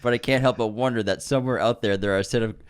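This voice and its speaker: A man's voice: mid-range voice, fairly even intonation, very fast, a little hiss or hum. A young man with a nasal voice, co-hosting a podcast and reading fan jokes aloud with lots of laughing. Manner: laughs often, reads jokes in a playful sing-song. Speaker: podcast co-host.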